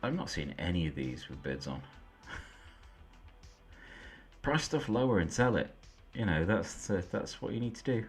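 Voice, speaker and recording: A man hosting a late-night stream, chatting casually and amused as he browses, sometimes dropping quiet and offhand. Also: low-pitched, very animated, normal speed, long pauses. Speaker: host. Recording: faint background music. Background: faint background music.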